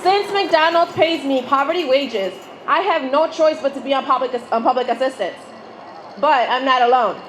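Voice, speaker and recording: A woman's voice: sits high, moderate pace, crowd noise. A woman worker giving an emphatic, declarative protest speech at a rally. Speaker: striking fast-food worker. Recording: echoey, noisy rally PA.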